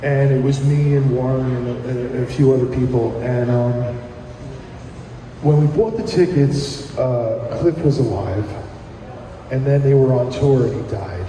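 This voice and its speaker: Speaking at a measured pace in a warm, medium-pitched voice, a middle-aged American man, a musician appearing as a guest, chats casually and tells rambling, enthusiastic anecdotes. The live radio broadcast comes from a public plaza. The recording sounds like an echoey hall with music behind it and a little hiss or hum.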